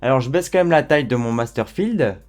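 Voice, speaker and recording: A man walking viewers through a software tutorial in a relaxed, chatty way, with frequent fillers. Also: mid-range voice, a little fast, faint music behind. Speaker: tutorial host. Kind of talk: screen-recorded software tutorial.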